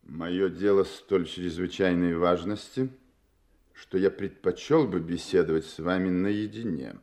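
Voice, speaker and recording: A man's voice: low-pitched, steady tone, a little slow, a little mellow. An actor playing a proud, imperious king in a Russian audio play, stately, formal and commanding. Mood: haughty, guarded. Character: proud, imperious masked king posing as a count.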